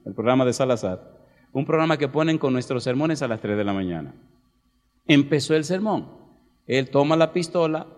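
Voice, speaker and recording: A man's voice: medium pitch, darkish tone. A man preaching a sermon as a vivid storyteller who acts out quoted dialogue. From Dominican Republic. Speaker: pastor. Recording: long hall reverb.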